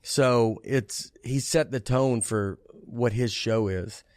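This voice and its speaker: A man in a casual podcast chat, rambling and stopping to restart his thoughts. His voice sits at an ordinary pitch. The sound is close and dry, with no room around it. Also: slow pace, darkish tone, no echo. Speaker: stand-up comedian guest.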